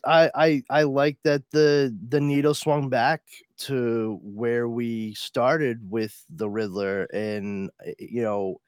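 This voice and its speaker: A man's voice: fairly low pitch, a little mellow, no echo. A man co-hosting a podcast, talking casually about a comic book and sometimes acting out quoted lines with a raised voice. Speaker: podcast co-host.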